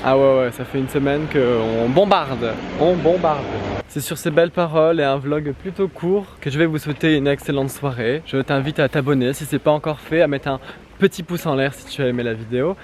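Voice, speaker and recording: A man's voice: mid-range voice, a little mellow, a little hiss or hum. A man in his twenties with a French accent, chatting casually through a home vlog, rambling with lots of fillers. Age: 20s. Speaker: vlogger.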